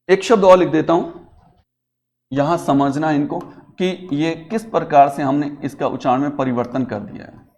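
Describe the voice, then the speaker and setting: Coaxing male teacher in a classroom. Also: on the high side. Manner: coaxing, asks pupils questions and answers them himself; addresses pupils as beta. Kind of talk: classroom grammar lesson. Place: classroom with a digital board.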